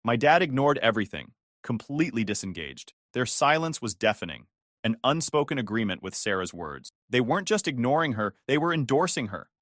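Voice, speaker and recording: A man's voice: mid-range voice, very animated, brisk, a bit bright, no echo, clean studio sound. A man narrating a first-person story in a bitter, confiding way.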